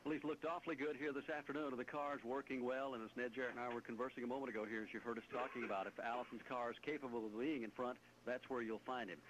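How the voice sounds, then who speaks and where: A man's voice: medium pitch, steady tone, fast, hardly any pauses, a bit bright, slight background noise, low-quality recording. An American man, a motorsport commentator anchoring live race coverage on radio. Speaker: motorsport commentator, lead announcer.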